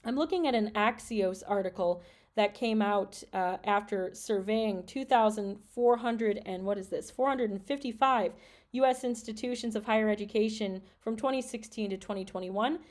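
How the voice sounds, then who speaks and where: Speaking at a moderate pace in a medium-pitched, darkish voice, a Michigan woman who teaches French hosts a solo podcast. She earnestly discusses her concerns about education and reads out statistics.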